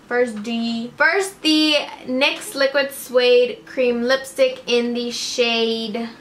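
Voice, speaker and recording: Talking to camera in a small string-lit room, a twenty-something beauty vlogger reviews makeup with casual, bubbly enthusiasm. She leans hard on "like" and "obsessed," and her fairly high voice comes across pushed and bright over a slight hiss or hum.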